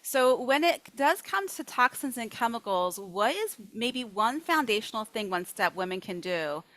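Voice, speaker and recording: A middle-aged woman hosting an interview in a casual way, chatty and upbeat and quick to laugh. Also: fairly high pitch, big pitch swings, a bit bright, low-quality recording. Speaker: host and dietless dieting coach.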